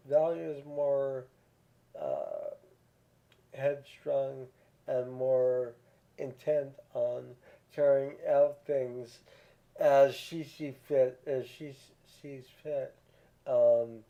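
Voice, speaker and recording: A man giving a casual spoken review of a show, slow and halting, filling pauses with ums and restarting words. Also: medium pitch. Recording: tinny phone-like audio.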